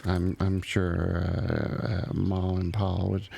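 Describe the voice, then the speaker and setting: A man in character in a roleplay game, talking slowly and haltingly with many ums. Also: low voice, monotone, gravelly, dark tone, slight background noise. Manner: halting, full of uh and um. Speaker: roleplay streamer playing an old relative.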